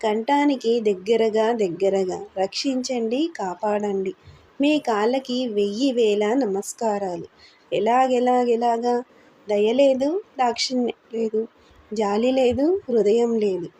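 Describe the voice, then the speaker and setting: A woman's voice: fairly high pitch, unhurried, mellow, breathy edge. A woman voicing a battered, terrified middle-aged man in delirium, speaking in broken, pleading fragments that repeat words.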